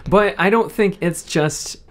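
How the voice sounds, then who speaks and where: A thirty-year-old podcast co-host chatting casually and adding quick, animated asides. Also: medium pitch. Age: 30s. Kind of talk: casual chat.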